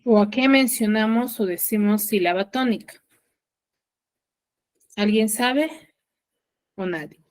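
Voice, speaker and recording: A woman teacher with a Peruvian Spanish accent leads an online class in a mid-pitched, everyday voice. She talks patiently, stressing and repeating the key terms. She keeps pausing to check that her students follow.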